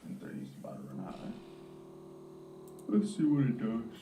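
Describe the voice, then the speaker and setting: Deep gravelly dude chatting trades, far off and noisy, swears a lot. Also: male voice, big pitch swings, moderate pace, reverberant. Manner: laid-back, swears freely. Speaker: stream host and day trader. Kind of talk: casual chat over live trading.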